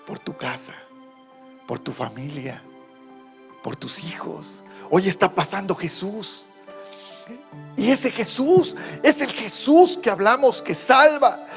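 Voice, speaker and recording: A man preaching an online sermon as pastor, repeating his phrases and building to fervent appeals. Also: very high-pitched.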